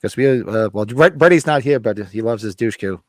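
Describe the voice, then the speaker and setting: An American man hosts a casual podcast chat about horror movies, rambling and blunt with some swearing, his voice recovering after having been lost. His mid-range voice is a little mellow with lively intonation at a moderate pace. The sound is clean studio audio with no room sound.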